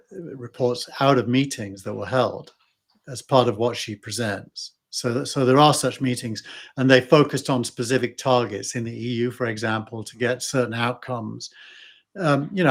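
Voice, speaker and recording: A man's voice: medium pitch, moderate pace. A man co-hosting a podcast, talking in a casual debate with frequent fillers and restarts. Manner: hesitant, many fillers and restarts. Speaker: podcast co-host.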